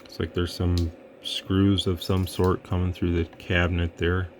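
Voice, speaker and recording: A radio equipment reviewer with a deep, level voice narrates a casual hands-on demo, rambling easily and thinking aloud with fillers as he works. His tone stays low, steady and relaxed, with faint background noise.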